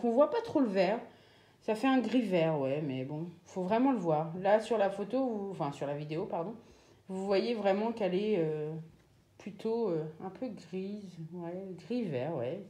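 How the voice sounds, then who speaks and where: A chatty woman walks through her craft purchases in a relaxed, hesitant way, full of fillers. Her voice is mellow and sits at a middle pitch. The room around her is echoey. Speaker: craft vlogger. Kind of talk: casual show-and-tell.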